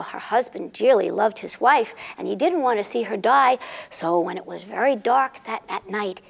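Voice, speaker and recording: A woman telling a comic fairy tale to a live audience, playful and animated, stopping to quiz her listeners. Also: a little high, vocal fry. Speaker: storyteller. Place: rehearsal and recording studio with a live audience.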